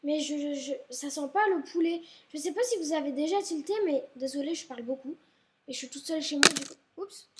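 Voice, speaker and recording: High-pitched girl rambling about her stuff at home, keeps saying sorry, kinda stuffy. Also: brisk, heavy background noise. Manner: chatty and rambling, often apologizing. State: slightly ill, maybe stuffy nose. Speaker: vlogger. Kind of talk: casual chat showing school supplies. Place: at home, indoors.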